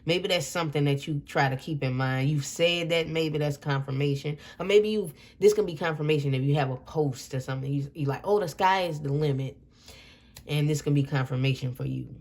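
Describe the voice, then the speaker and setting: A woman's voice: low voice, a little fast, darkish tone. A woman giving a casual tarot reading to her viewers, rambling a little and repeating and correcting herself as she goes. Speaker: tarot reader.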